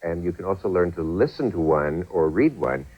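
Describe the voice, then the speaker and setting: A man's voice: deep voice, animated, normal speed, slightly rough. A man interviewing a guest as an infomercial host. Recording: dull 1990s TV audio.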